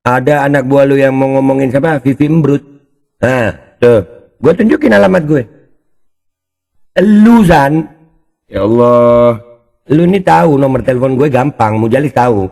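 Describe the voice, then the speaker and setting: A man's voice: medium pitch, lively intonation, moderate pace, gravelly, long pauses, darkish tone. A man hosting a commentary channel, mocking and taunting someone he is reacting to. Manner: taunting, exclamatory, addresses opponent directly.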